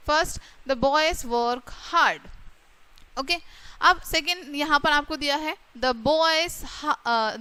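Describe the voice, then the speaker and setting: A woman teacher with an Indian accent explaining an English grammar lesson, reading sentences out slowly in English and explaining them more quickly in Hindi, often checking in with her students. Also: high voice, bright, forceful tone.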